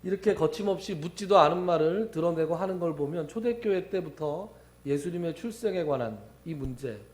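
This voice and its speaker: A man preaching from the pulpit, his voice sitting a little high for a man. He tells the story conversationally, asking questions and answering them himself. The sound carries the echo of a church sanctuary. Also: a little mellow. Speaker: pastor. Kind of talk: sermon.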